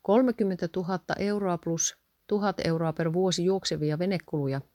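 A woman's voice: on the low side, mellow, no room sound, clean studio sound, lightly acted. A woman reading aloud and voicing a stubborn husband who defends his spending. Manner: defensive, grumbling.

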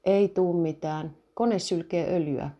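Flustered, hesitant biker man, read by a woman, low-pitched. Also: muffled recording. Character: man, an unlucky vintage motorcycle rider.

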